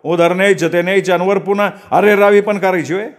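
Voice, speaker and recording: A man voicing a hot-tempered village shopkeeper who sneers and scolds in a loud, raised voice. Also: high-pitched, steady tone, fast, voice pushed up. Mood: scornful.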